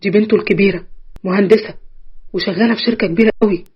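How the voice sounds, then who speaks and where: A woman voicing a gossipy, eager middle-aged male shopkeeper with an Egyptian accent, speaking in a lowered, confiding tone. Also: fairly even intonation, very fast, slightly rough, dull audio, heavily acted.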